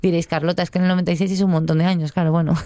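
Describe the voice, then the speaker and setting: Here a lowish, mellow female voice rattles off a book review in a flat, rapid-fire delivery. She is a middle-aged show contributor with a Spanish accent, speaking casually and digressively. The audio is dry and of studio quality.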